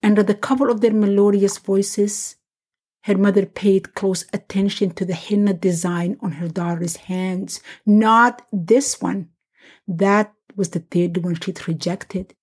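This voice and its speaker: A woman hosting her own podcast reads a scripted family story aloud. Her reading is measured and gentle. Her voice is warm and mellow, with a slightly husky, breathy edge. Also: mid-range voice, flat delivery.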